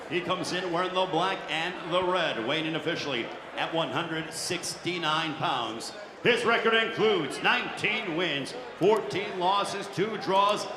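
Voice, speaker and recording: A man working as a boxing ring announcer, giving formal, theatrical introductions with drawn-out, shouted names. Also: high voice. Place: large indoor boxing arena. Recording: echoey arena PA with loud crowd noise.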